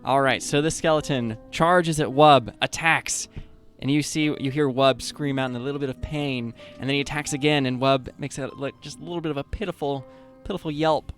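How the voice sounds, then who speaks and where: A man's voice: medium pitch, steady tone, a little fast, fairly bright tone, soft background music. A man narrating as game master at a tabletop game, rambling casually with lots of filler words and cheering his players on.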